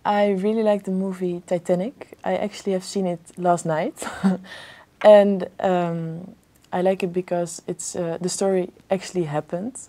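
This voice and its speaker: Speaking in a fairly low, mellow register, this exam candidate from the Netherlands is young and female. She takes her time and keeps a flat tone while stumbling through English test answers with frequent fillers and false starts.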